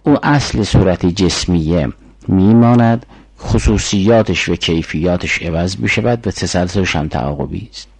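Deep-voiced older man lecturing. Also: gravelly, darkish tone, breathy edge, no room sound, poor audio. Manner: measured, explanatory, quotes Arabic syllogisms. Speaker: philosophy lecturer. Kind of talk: formal philosophy lecture.

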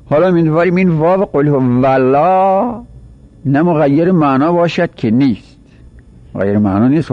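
A man's voice: on the high side, no room sound. A man teaching a seminary class, explaining grammar point by point and reciting Arabic verses aloud. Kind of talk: classroom lecture. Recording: dull, dry lo-fi recording.

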